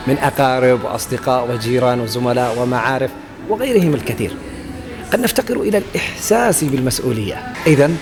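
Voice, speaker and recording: A man narrating a scripted voice-over as host, in a measured, reflective delivery. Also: mid-range voice.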